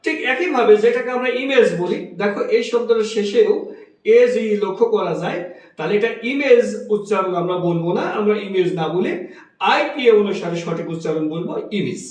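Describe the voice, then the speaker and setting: High-pitched man teaching in an echoey room. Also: animated, darkish tone, far from the mic. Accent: Bangladeshi Bengali. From Bangladesh. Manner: slow, repetitive, spells out letters and stretches words. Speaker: English pronunciation teacher. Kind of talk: classroom lesson.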